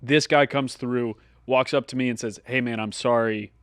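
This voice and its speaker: A man's voice: medium pitch, moderate pace, clean tone, dry recording, clean studio sound. A man co-hosting a podcast, telling a casual anecdote and acting out the lines of the people in it. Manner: animated anecdote teller who acts out the dialogue. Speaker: podcast co-host. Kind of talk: casual storytelling chat.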